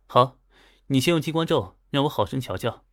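A man's voice: medium pitch, expressive, fairly quick, dry recording, clean studio sound, natural voice. Man doing an offhand martial master. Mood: curious. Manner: casual, offhand.

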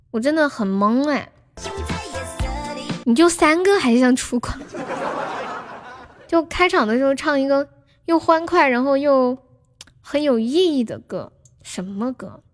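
A young woman hosting a casual livestream, chatting with viewers, laughing often and reading out their names. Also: high-pitched. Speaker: livestream host.

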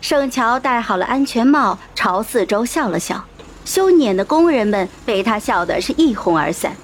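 Woman narrator, audiobook, scripted novel reading, lively melodic voice, somewhat high. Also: normal speed, slight background noise. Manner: expressive storytelling.

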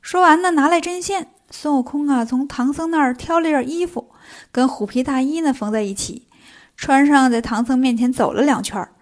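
Woman storyteller, high voice, lively children's narration. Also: normal speed. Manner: lively, playful telling.

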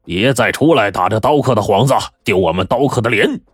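A man voicing a scornful bearded swordsman who bullies and shouts in a storytelling show. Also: lowish voice, fast talker, no echo, studio quality. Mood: contemptuous. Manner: jeering, shouting, scornful laughter. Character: boastful, threatening bearded male swordsman bully.

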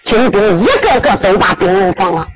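A woman with a Henan accent performing traditional zhuizi storytelling in an animated, rhythmic, exclaiming manner. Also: mid-range voice, moderate pace, poor audio.

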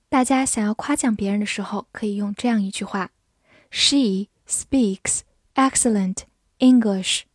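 A woman's voice: fairly high pitch, a little mellow, no echo, clean studio sound. Patient woman teaching English words. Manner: patient, spells letters out and repeats slowly. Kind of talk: vocabulary lesson, spelling and slow read-alouds.

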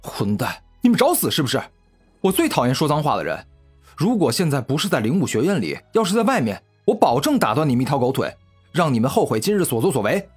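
A man's voice: medium pitch, very animated, fast, slightly rough, soft background music. A man doing a fiery young hero. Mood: indignant. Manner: indignant, shouting rebukes. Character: young male hero, righteous and hot-tempered.

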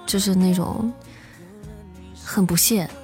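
A woman's voice: fairly low pitch, fairly even intonation, slow pace, dark tone, soft background music. A woman hosting a livestream, telling a spooky story in casual chat. She keeps checking in with her listeners and often restarts her sentences. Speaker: livestream host. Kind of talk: casual storytelling to a live audience.

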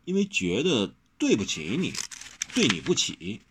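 A man's voice: medium pitch, huge pitch swings, moderate pace, slight background noise, pitched above the performer's own voice. A man voicing a flustered, earnest young swordsman who stammers and repeats himself. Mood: grumbling.

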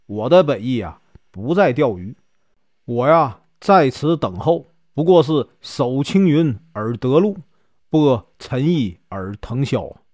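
A man with a Northeastern Mandarin accent voicing a calm, unhurried old male sage in a told folk story. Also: no echo, studio quality. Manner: slow, measured, low delivery.

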